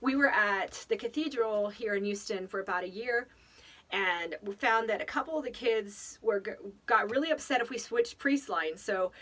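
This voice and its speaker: A woman's voice: medium pitch, normal speed, a bit bright, far from the mic. A woman giving casual, rambling parenting advice, thinking aloud and laughing often. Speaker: speaker on children's faith formation.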